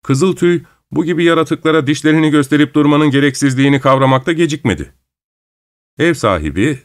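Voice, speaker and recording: A man reading a story aloud as an audiobook narrator, in calm, measured storytelling. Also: medium pitch.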